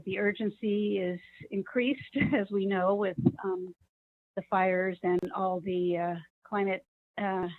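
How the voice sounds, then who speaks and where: A woman calling in on an old flip phone to give a public comment, speaking haltingly with many ums and uhs. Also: medium pitch. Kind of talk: public comment at a council meeting. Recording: tinny phone line.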